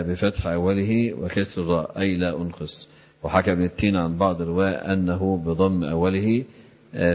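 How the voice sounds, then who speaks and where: Deep, flat-voiced scholar teaching fast. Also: male voice. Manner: frequent drawn-out "aah" fillers between phrases. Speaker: Islamic scholar teaching hadith commentary. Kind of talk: reading and explaining a classical text. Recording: slightly dull lo-fi recording.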